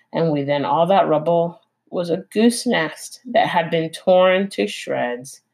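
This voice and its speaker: Teacher lady reading a chapter book out loud, gentle and expressive, takes her time. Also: lowish voice, low-quality recording. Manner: gentle, expressive, adds own comments. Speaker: teacher reading a novel aloud. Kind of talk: read-aloud storytelling.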